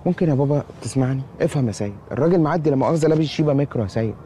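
Actor doing a snappy egyptian guy, bossy, talks super fast, bit of street noise. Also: mid-range voice, mellow, close to an everyday voice. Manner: sarcastic, bossy, irritable. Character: sarcastic young man lost in time. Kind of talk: comedy series acting.

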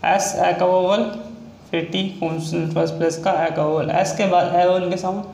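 High-voiced man teaching in an echoey room. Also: fairly even intonation, brisk, vocal fry, darkish tone. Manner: repetitive step-by-step explaining. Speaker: shorthand teacher. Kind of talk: explanatory video lesson. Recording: echoey room with faint noise.

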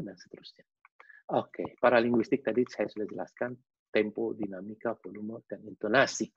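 A man giving a lively webinar lecture, acting out facial expressions with casual slang asides. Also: medium pitch, slightly rough, dry recording. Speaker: behavioral analyst giving a webinar talk. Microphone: video call. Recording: dull lo-fi video call audio.

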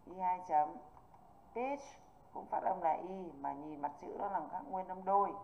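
A woman's voice: on the low side, a little slow, slight background noise. A woman English teacher, patiently walking students through an online exam review and often checking that they follow. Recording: tinny phone-like online call audio.

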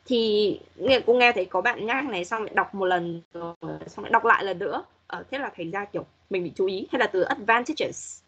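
A woman's voice: medium pitch, fairly quick, hardly any pauses, fairly bright tone, slightly rough, highs cut off. A woman English teacher giving patient, corrective feedback to students in an online class, modeling pronunciation as she goes.

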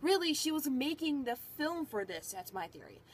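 Young woman rambling about a book she just finished, kinda high voice, a bit breathless, lots of "like". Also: sing-song, moderate pace. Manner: rambling, chatty, filler-heavy. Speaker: book vlogger. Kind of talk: casual book review. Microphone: phone or webcam.

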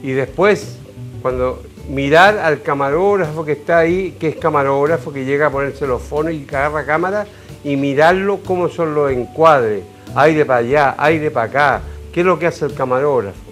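Older Chilean man with a highish voice. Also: normal speed, soft background music. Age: 60s. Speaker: interview guest, veteran television cameraman. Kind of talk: casual reminiscing and explaining. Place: television studio. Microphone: lapel microphone.

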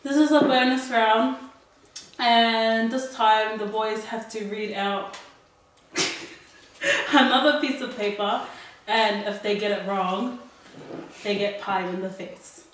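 A woman's voice: fairly high pitch, steady tone, takes it slowly, pauses often, a bit bright. A young woman casually explaining the rules of a challenge for a vlog. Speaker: challenge announcer. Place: living room. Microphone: camera across the room. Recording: very echoey, distant camera mic, faint noise.

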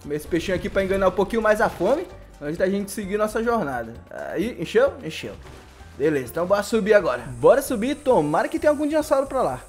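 Excitable young Brazilian man gaming. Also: sits high, fast, faint music behind. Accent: Brazilian Portuguese. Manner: excitable, laughing often, slangy. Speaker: gaming YouTuber. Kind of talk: live gameplay commentary.

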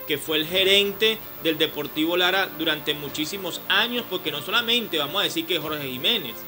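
A Venezuelan man weighing in on a radio debate with a high, very bright, forceful voice. He speaks formally and sometimes trails off into fillers. Faint music sits under him. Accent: Venezuelan Spanish. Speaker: radio show co-host. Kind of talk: debate commentary.

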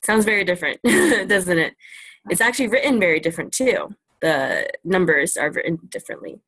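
Her lowish voice is expressive, a little fast, a bit bright, and slightly rough. This young woman, a native English speaker and student presenter, casually teaches about China during a virtual classroom Q&A on a laptop webcam call, sprinkling in many ums and likes. No echo is present.

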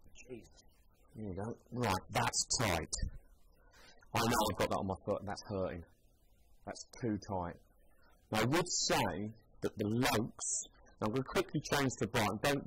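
A man's voice: on the low side, noisy background. A man, a shoe seller giving a casual, chatty demonstration and thinking aloud as he goes. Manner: chatty, thinking aloud while trying on shoes.

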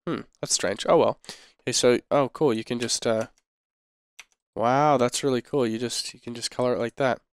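A man with a sick voice, casually commenting on his gameplay as a video host, chatty and relaxed with many ums and uhs. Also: medium pitch, normal speed, smooth, dry recording.

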